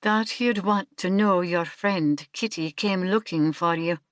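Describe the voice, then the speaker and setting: A gentle, soft-spoken Scottish landlady, as a woman reader puts her on, passes along news in a friendly, confiding way. She speaks unhurriedly. The sound is dry and close. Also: fairly low pitch, a little slow, no echo, close to an everyday voice.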